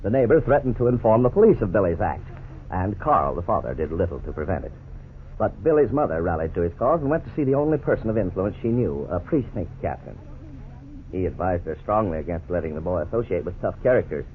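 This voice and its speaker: In a grave, measured, sing-song delivery, a man with a deep low voice reads scripted narration in 1950s radio style. The audio is tinny and thin, much like an old broadcast heard over a phone, with a faint hiss in the background.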